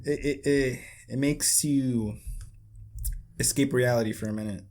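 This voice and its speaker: A man's voice: mid-range voice, steady tone, a little slow, darkish tone, soft background music. Young male podcast co-host, loose and jokey, swears freely, breaks into lyric chants. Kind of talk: casual chat.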